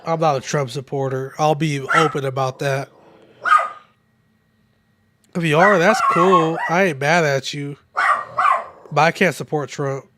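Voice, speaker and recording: A man's voice: a little high, fairly even intonation, a little slow, long pauses, heavy background noise. A young man chatting loosely and swearing while streaming a baseball video game, a bit drunk and with a sore throat. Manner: loose, profane, rambling while playing. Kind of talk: casual gaming livestream chat.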